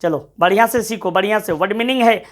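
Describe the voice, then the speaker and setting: A man's voice: high voice, quick pace. A male English teacher, lecturing an online class. He repeats words over and over and urges his students on, calling them his friends. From Bihar, India. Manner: addresses students as friends, gives pep talks.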